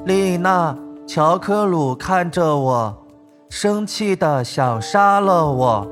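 A man's voice: on the high side, expressive, soft background music, pitched above the performer's own voice. A man voicing an eerie little wooden puppet in an audiobook, its voice hollow, distant and disembodied, drawn out and ominous. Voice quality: slow, drawn-out eerie delivery. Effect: hollow, distant, disembodied ghostly voice. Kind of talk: audiobook narration.

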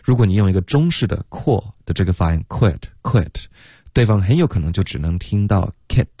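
Man, very deep voice, radio English teacher, patient step-by-step explanations, dry studio sound. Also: lively intonation, dark tone, no room sound. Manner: patient, explains pronunciation step by step with drawn-out demonstrations. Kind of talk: bilingual radio English lesson.

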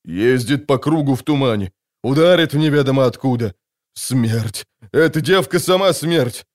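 A man's voice: medium pitch, lively intonation, normal speed, lightly acted. A man doing a panicky doom-saying soldier. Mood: panicked. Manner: panicked wailing.

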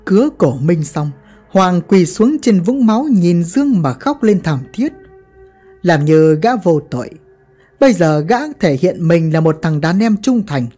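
A woman narrating a gangster ghost story in a lively, dramatic manner. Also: lowish voice, a little slow, husky. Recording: faint background music.

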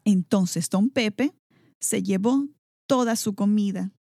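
A woman narrating a children's story aloud in an expressive, animated manner. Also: mid-range voice, takes it slowly, gravelly, no room sound, studio quality.

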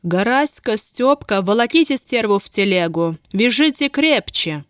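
A woman's voice: on the high side, lively intonation, a little slow, no room sound, clean studio sound, pitched above the performer's own voice. A woman voicing a cruel, imperious female estate manager in an audiobook, contemptuous and barking orders in a thin, cutting voice. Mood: imperious, scornful. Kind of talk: audiobook character voice.

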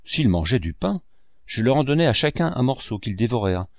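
A man narrating a classic novel in a measured storytelling manner. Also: medium pitch, sing-song, no room sound, studio quality. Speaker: audiobook narrator.

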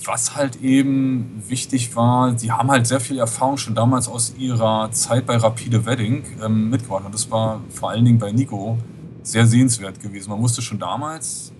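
A man's voice: mid-range voice, steady tone, normal speed. A man, a podcast guest talking casually and rambling with many fillers over a Skype call. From West Berlin. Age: 40s. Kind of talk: casual interview. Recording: noisy Skype line.

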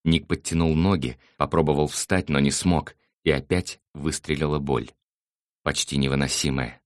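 A man narrating an audiobook in a steady, even reading voice. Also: a bass voice, moderate pace, no room sound, clean studio sound.

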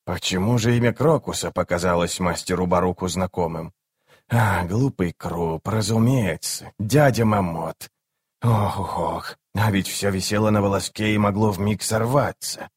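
A man's voice: on the low side, animated, normal speed, slightly rough. A man reading an audiobook, voicing a plump, self-important male sorcerer who talks in a florid, pompous way. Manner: pompous, talks about himself in the third person. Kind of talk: audiobook character voice.

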